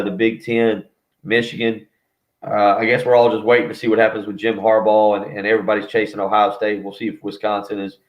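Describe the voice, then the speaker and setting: A man talking casual sports as a guest over the phone, rambling and interrupting himself. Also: medium pitch. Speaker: radio host as call-in guest. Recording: muffled phone line.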